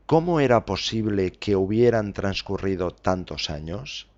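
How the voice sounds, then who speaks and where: A man hosting a podcast lesson, slowly spelling out letters and examples with frequent fillers. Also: lowish voice, lively intonation, a little mellow, dull audio. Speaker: Spanish teacher podcast host.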